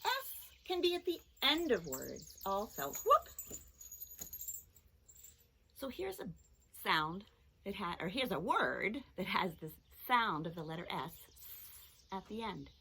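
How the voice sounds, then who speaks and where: A woman teacher giving a children's phonics lesson, speaking in slow, clear, sing-song instructions. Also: mid-range voice, very animated, background noise.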